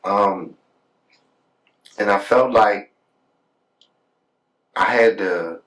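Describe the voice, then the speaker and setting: A man's voice: lowish voice, very slow, a bit bright, distant mic, rough recording. A man telling his life story in a casual podcast talk. He often repeats words when he gets heated and keeps asking "you know what I'm saying". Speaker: podcast guest.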